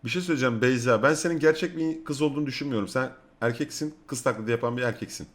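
A man's voice: medium pitch, racing. A man streaming a game in casual voice chat, scolding and teasing the others in a mock-stern way.

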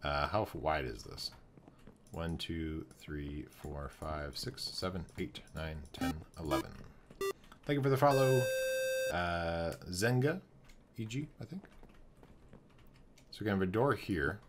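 A young man livestreams a building game from home, thinking out loud as he plans rooms and says hello to his chat. His voice is low with lively intonation, slow and full of pauses, and it's wearing out as he loses it over the course of his commentary.

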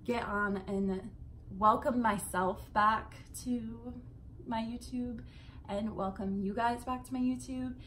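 Her voice is a little high, fairly bright, and even in tone, and she talks slowly. She's a young adult vlogger rambling casually to camera from her bedroom, swearing and wandering off on asides, while a slight hiss or hum runs through the clip.

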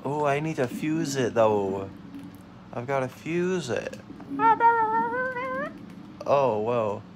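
A man's voice: medium pitch, slow pace, background noise. A young man casually commenting on a video game as host, laughing and yelping at his own mishaps. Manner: excitable, yelps and laughs at mishaps. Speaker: let's play host.

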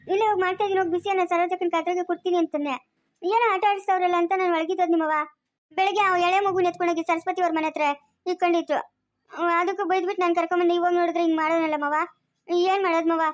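A woman playing a village woman of the house in a family skit, speaking with a rural Chikkaballapur Kannada accent. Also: very high voice. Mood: pleading.

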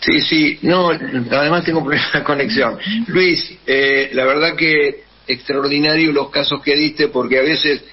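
A man with an Argentine accent, a radio co-host talking over a bad connection, halting and restarting his sentences. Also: fairly high pitch, fairly even intonation, slightly rough. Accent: Argentine Spanish. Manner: halting, with many restarts and fillers. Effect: bad connection, lo-fi call line. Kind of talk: radio talk show questions. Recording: muffled bad-connection line, distant.

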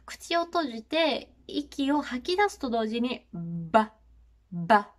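Bright-voiced Japanese woman teaching pronunciation. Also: high-pitched, measured pace. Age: 30s. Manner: friendly, polite and encouraging, demonstrating sounds. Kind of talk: instructional video lesson.

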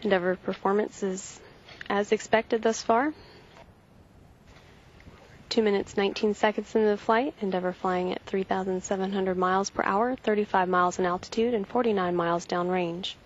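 A woman giving measured, factual live launch commentary from mission control. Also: medium pitch, steady tone. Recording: dull broadcast feed, faint noise.

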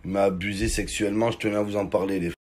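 A man in his forties doing comic sketches and vlog monologues, loud, excitable and slangy, often breaking into shouts. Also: on the low side, very fast. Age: 40s. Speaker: comedian.

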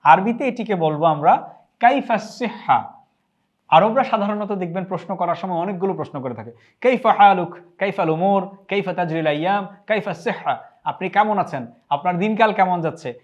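High-voiced man teaching a language lesson. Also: lively intonation, lo-fi sound. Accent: Bangladeshi Bengali. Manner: slow, careful drilling of phrases with repetition.

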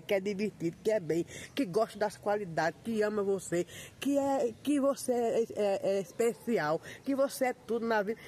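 Lively folksy woman. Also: a little hiss or hum. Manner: lively, preachy, folksy, with sudden pitch jumps. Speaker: content creator. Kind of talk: motivational monologue to followers.

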